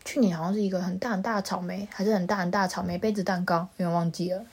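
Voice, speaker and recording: A woman's voice: on the low side, racing, breathy edge. A young woman from Taiwan, co-hosting a casual chat podcast and telling stories animatedly. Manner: animated storyteller, acts out quotes. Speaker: podcast co-host.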